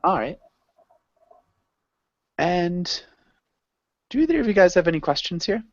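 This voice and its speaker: A man's voice: high voice, big pitch swings, a little slow, dry recording. A man teaching an online English class, patient and encouraging. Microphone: video call. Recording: dull video call audio.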